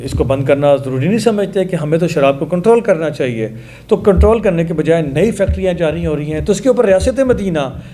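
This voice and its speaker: A man's voice: on the high side, warm tone, slight background noise. A man in his forties with a Pakistani Urdu accent, giving earnest news commentary to camera in a studio, making appeals.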